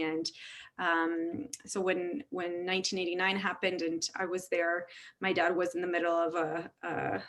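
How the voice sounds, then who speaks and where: Candid woman in a fast-flowing interview. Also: fairly low pitch. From Romania. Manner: candid, fast-flowing talk with many restarts. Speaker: interview guest, tech CEO. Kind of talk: casual interview conversation.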